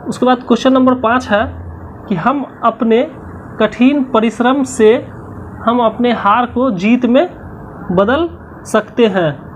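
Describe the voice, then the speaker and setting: A woman's voice: a little high, slow, pauses often, slight background noise. A woman teacher going through a textbook lesson's questions, explaining each answer step by step and repeating the key words.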